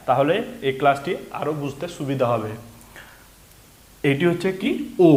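A man teaching a beginners' reading lesson, slowly spelling out letters and sounds step by step. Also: a little high, echoey room.

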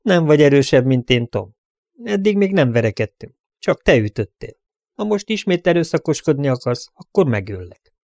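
Man reading a calm, fearless gunslinger. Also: a little high, vocal fry, no room sound, studio quality, pitched above the performer's own voice. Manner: quiet and steady, turning sharp when he threatens. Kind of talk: audiobook character voice.

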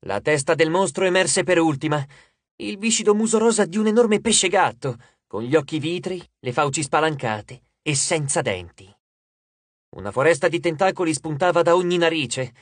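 Guy narrating an audiobook, lively and dramatic, higher voice, dead dry studio mic. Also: dry recording.

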